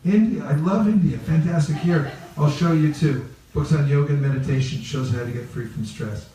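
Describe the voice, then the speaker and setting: Speaking at a moderate pace in a mellow, higher-pitched voice, a California religious teacher leads an interactive training talk, playfully questioning the group and repeating key phrases. The mic sits far away in a reverberant, echoey room with the live group present.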